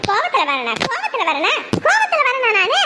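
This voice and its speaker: A woman's voice: very high-pitched, huge pitch swings, normal speed, pushed and bright, a little hiss or hum, heavily acted. A woman voicing a thrifty village mother who laments and scolds in broad rural speech. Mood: scolding.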